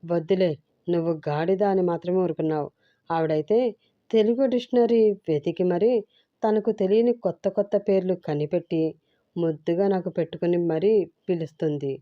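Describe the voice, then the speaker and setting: A grumpy young husband, gruff and quick to scold, as a woman storyteller puts him on. Her take sounds muffled and close. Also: fairly low pitch, steady tone, dry recording, lightly acted. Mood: dismissive. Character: irritable young husband, short-tempered.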